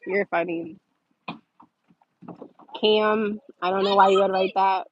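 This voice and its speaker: A woman's voice: mid-range voice, fairly even intonation, slow pace, highs cut off. A woman hosting a casual livestream, reading viewer comments aloud and answering them with sarcasm and laughter.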